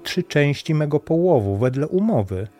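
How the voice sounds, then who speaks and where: A man voicing a poor young fisherman, earnest and gentle, speaking plaintively. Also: fairly high pitch, very animated, moderate pace, pitched above the performer's own voice.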